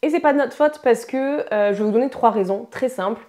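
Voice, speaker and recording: A woman's voice: fairly high pitch, a little mellow. Chatty young French woman teaching. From France. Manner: chatty, upbeat, frequent fillers, drills words slowly. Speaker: English pronunciation teacher. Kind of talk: casual online lesson.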